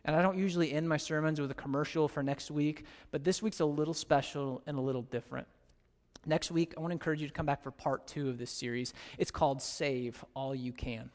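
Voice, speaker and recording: American man, pastor mid-sermon, lively storyteller, a bit high-pitched, echoing sanctuary. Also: a little fast. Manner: animated storytelling, pitch leaping high in anecdotes. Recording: long reverb of a large hall.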